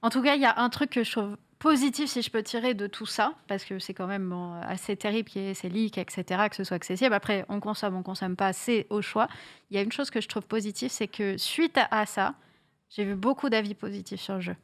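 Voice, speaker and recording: A woman co-hosting a casual video game talk stream, weighing her opinions with hesitant pauses. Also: mid-range voice. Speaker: co-host. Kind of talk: casual chat.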